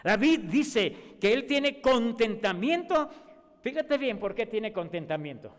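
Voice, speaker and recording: A Mexican pastor preaching with a very high, bright voice that rises and falls as he acts out the people he quotes. His sermon rings through a church hall with a long trailing reverb. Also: sing-song, unhurried. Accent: Mexican Spanish.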